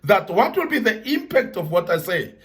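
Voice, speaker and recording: A man's voice: high voice, very animated, normal speed, a bit bright. A man giving an earnest motivational talk to young men, repeating key points for emphasis and citing the Bible.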